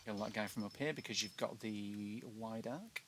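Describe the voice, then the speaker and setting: Speaking at a normal speed in a fairly low voice, a British man offers casual commentary while playing through a video game. He replaces his T's with glottal stops, chats away with self-deprecating humour, and the recording carries noticeable background noise.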